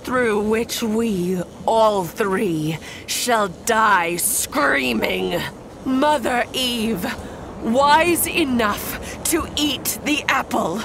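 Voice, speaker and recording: A woman's voice: fairly high pitch, very slow, creaky, full character voice. A woman playing a vengeful undead bride in an audio horror drama, solemn and dramatic, lapsing into whispers. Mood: triumphant doom. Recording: noisy background.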